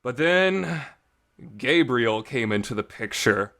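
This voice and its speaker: The host of a casual visual novel talk show delivers an informal, emphatic fan review full of enthusiasm. His mid-range voice is expressive and a bit bright, and he takes it slowly. The recording has reverb on his voice.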